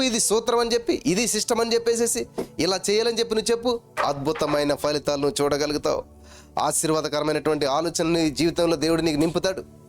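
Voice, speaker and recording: A pastor preaching with a Telugu accent, chanting repeated phrases and swinging between loud and low delivery. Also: male voice. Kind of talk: sermon.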